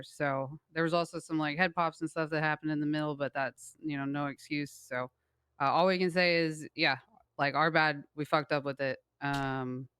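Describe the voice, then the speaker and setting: Super clear voice, mid pitch, crime game roleplay, hesitant and placating while explaining stuff. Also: fairly bright tone, no room sound. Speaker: role-player as a gang member. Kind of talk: improvised role-play in an online crime game.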